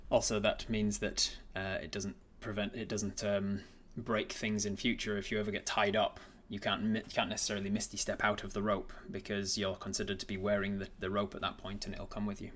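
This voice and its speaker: A man narrating a tabletop game as game master, improvising haltingly and repeating words as he thinks aloud. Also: fairly low pitch, monotone, a bit bright.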